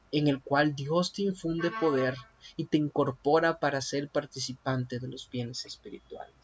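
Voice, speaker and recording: A man's voice: fairly high pitch, slightly rough. A man preaching a sermon on prophecy, asking his listeners many questions and calling them brothers. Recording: dull lo-fi recording.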